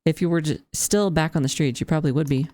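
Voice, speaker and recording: A woman's voice: deep voice, fast talker, dark tone, no echo. A woman game streamer reading visual novel narration aloud and adding casual commentary.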